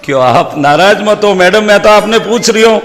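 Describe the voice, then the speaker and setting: A man's voice: high-pitched, normal speed, a bit bright, pitched above the performer's own voice. A man doing a nosy talkative village nephew. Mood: pestering. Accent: Rajasthani. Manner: pestering, innocent questioning. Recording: long hall reverb.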